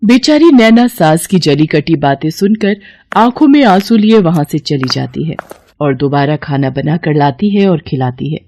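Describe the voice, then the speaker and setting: A woman narrating an animated moral story in a steady, plain storytelling manner. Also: low-pitched, moderate pace.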